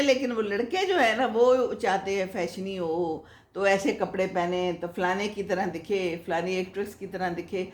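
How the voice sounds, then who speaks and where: An older woman hosting a casual advice talk, answering viewer comments in a chatty, motherly, moralizing way and laughing often. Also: medium pitch. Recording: echoey room.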